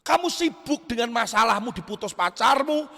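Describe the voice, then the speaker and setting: A male pastor gives a lively youth sermon, swinging from shouts to quiet asides. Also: very high voice, moderate pace. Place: church hall. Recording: echoey church hall.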